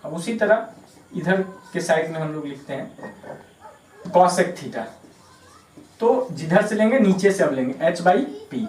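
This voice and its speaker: A fairly high-voiced man teaches a maths class, patient and repetitive, spelling terms out letter by letter. His voice comes from some distance away, bouncing around a hard-walled room with a faint hum of ambience. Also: lively intonation, takes it slowly, pauses often, darkish tone, reverberant. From Bihar, India. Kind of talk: classroom lesson explaining at a board.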